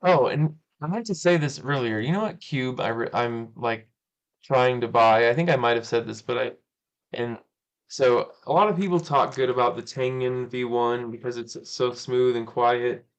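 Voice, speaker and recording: A man's voice: medium pitch, moderate pace, clear, resonant tone. A man hosting a live stream, chatting casually and rambling, often correcting himself and laughing. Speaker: cubing channel host.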